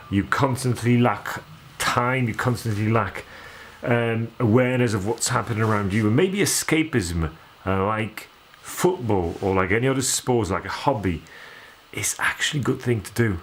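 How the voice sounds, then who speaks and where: An earnest man with a lowish voice talks to camera in a reflective vlog. He speaks thoughtfully, pausing now and then on small fillers. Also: a little hiss or hum. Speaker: vlogger.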